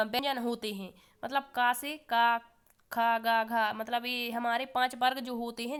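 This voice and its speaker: A woman with a fairly high, smooth and clear voice teaches an exam-prep lesson. She keeps putting questions to the learners and answers each one herself a moment later. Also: fairly bright tone. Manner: asks the class questions and answers them herself.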